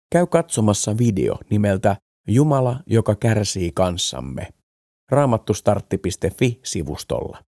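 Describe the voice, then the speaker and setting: A man reading the Bible aloud as a devotional podcast reader, in a calm, measured way with expressive phrasing. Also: on the low side, no room sound, clean studio sound.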